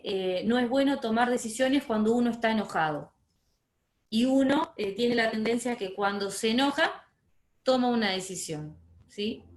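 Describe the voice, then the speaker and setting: A woman gives an online training talk in a slightly high voice. She speaks in a measured way, repeating key words and checking in with her listeners. The sound comes through a video call with a roomy echo.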